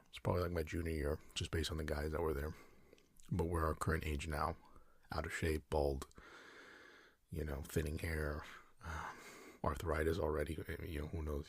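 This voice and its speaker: A man in his thirties rambles softly and hesitantly in a drowsy, sleepy ASMR bedtime style, breathy and now and then slipping toward a whisper. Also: very deep voice, no echo. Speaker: sleep podcast host.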